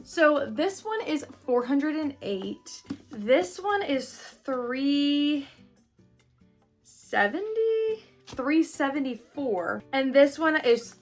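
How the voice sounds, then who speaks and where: Chatty young woman, bright and upbeat. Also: sits high, animated, extremely slow, soft background music. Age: 20s. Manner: chatty, upbeat, thinking aloud with many "like"s. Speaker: booktuber. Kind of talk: casual vlog chat.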